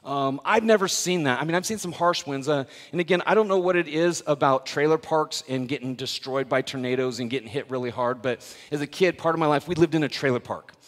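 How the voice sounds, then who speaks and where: Lively pastor preaching in a hall. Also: male voice, fairly high pitch, fairly quick, few pauses. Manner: animated preaching, swings from loud emphasis to hushed asides, self-deprecating humor. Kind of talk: sermon. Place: church sanctuary. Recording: live church hall with long reverb.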